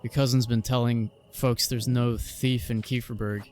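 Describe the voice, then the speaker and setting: A man's voice: mid-range voice, level tone, normal speed, a little mellow, soft background music, lightly acted. A man voicing a scolding, indignant old village woman while reading video game dialogue aloud. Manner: nagging, indignant.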